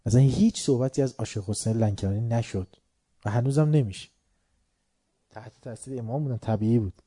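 A man telling a history story in a lively way, acting out the shouted lines of the people in it. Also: medium pitch, slightly rough, no room sound. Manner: lively, acts out quoted shouts. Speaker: speaker recounting history. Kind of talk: animated storytelling talk.

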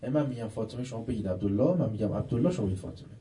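A man giving a religious sermon, putting rhetorical questions to his listeners and swinging between loud emphasis and quiet asides. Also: mid-range voice, expressive, recorded from a distance, slight background noise, low-quality recording. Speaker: preacher.

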